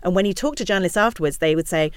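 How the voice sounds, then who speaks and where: A woman answers interview questions at a rapid clip and keeps the stories moving. She acts out what other people said as she goes. Her voice is close and dry, with no room sound. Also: fairly low pitch, clean tone, no echo. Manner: fast, animated storytelling with acted-out quotes. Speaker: guest. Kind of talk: conversational interview.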